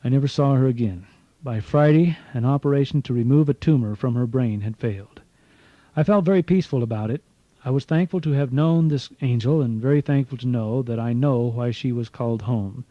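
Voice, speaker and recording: A man's voice: mid-range voice, fairly quick, no echo, lo-fi sound. A man reading his own memoir as an audiobook, telling it earnestly with dry asides, heard from a cassette tape recording. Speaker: author narrating his memoir.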